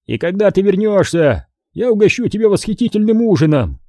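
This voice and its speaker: A man's voice: high voice, very animated, fairly quick, a little mellow, dry recording, clean studio sound, pitched above the performer's own voice. A man voicing an easygoing, chatty older café owner, wheedling and jokey, in an audiobook. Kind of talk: audiobook character voice.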